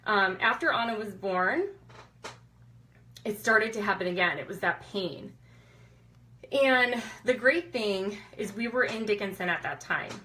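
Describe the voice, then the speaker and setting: A woman's voice: medium pitch, a little slow, long pauses, bright, forceful tone, low-quality recording. A woman in her thirties, a chiropractor, telling her own story to viewers in a candid, conversational way with frequent "um" fillers. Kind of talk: personal story told to viewers.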